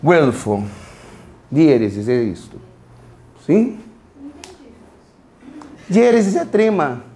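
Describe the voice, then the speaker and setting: High-voiced man teaching a class. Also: animated, darkish tone. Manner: explains slowly, repeats words, asks students to repeat. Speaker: Spanish teacher. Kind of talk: classroom lecture.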